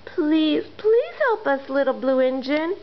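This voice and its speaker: A woman's voice: sits high, lively intonation, unhurried, lo-fi sound, slight background noise, voice pushed up. A woman voicing begging little toys. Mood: pleading. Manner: begging, earnest. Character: pleading chorus of small dolls and toys.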